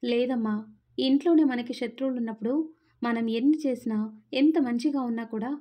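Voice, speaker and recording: A woman's voice: on the high side, a little fast, dark tone, natural voice. A woman reading as a stern old father-in-law. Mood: reproachful. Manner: scolding, emotional storytelling read. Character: stern older man, an angry father-in-law.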